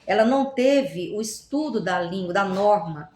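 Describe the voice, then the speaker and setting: A woman's voice: medium pitch, lively intonation, normal speed, a little mellow, a little hiss or hum. A woman talks casually, like a teacher, about words and their roots. She keeps asking rhetorical questions and throws in playful examples. Her voice sits in a middle range and carries a roomy echo. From Goiás, Brazil. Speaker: Portuguese teacher, guest. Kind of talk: casual explanatory chat. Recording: roomy echoey room.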